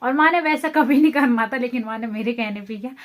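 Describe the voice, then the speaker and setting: A young woman casually narrating her own vlog, calling out loudly to animals outdoors and going hushed while sneaking up. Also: fairly high pitch, fast. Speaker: vlogger.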